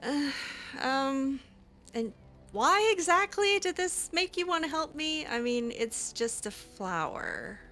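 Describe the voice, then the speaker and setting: Soft background music accompanies a woman's high, very animated, sharp-toned voice as she roleplays over a video game at a slow pace. Her casual in-character talk has a wry edge and a hesitant feel, thick with ums.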